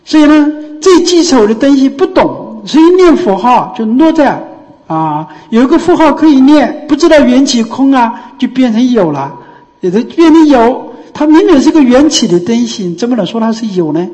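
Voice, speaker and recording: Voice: high voice, very animated, moderate pace, mellow. A Buddhist teacher gives a dharma talk, explaining step by step and often asking rhetorical questions. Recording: long hall reverb.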